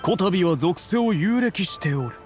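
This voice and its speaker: A man's voice: high voice, expressive, normal speed, darkish tone. A man voicing an imperious, composed ancient immortal in human guise for an anime game, with old-fashioned grandiose wording. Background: faint music.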